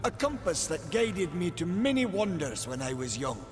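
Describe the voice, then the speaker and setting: Eager, high-voiced young Maker. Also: male voice, moderate pace. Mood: eager, earnest. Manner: earnest, excitable. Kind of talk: dramatic fantasy game dialogue. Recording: long reverb, music behind.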